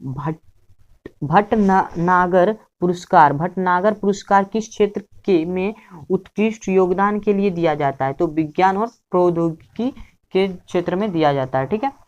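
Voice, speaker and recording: A woman with a fairly low voice runs a quiz-style revision lesson. She states each question, answers it, repeats the answer for drilling, and tops it off with a quick "okay". She fixes her small slips on the spot and keeps going. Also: darkish tone, highs cut off. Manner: self-correcting, with slips. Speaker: teacher.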